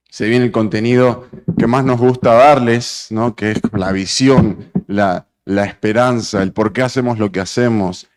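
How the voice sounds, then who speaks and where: A man's voice: mid-range voice, a little mellow. A man hosting a seminar, speaking informally to an audience as he introduces a guest speaker.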